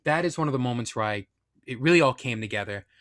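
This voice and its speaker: A man's voice: mid-range voice, expressive, fast, fairly bright tone. Candid, rambling young man telling a story. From Northeastern US. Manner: candid, self-deprecating, rambling with asides. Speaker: podcast storyteller. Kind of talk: casual personal storytelling.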